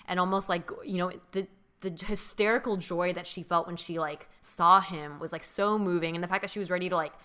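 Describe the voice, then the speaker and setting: A woman's voice: on the low side, steady tone, fairly quick, sharp tone, clear, resonant tone. A young woman co-hosting a podcast, reflecting thoughtfully in a casual chat with many fillers. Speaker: podcast co-host.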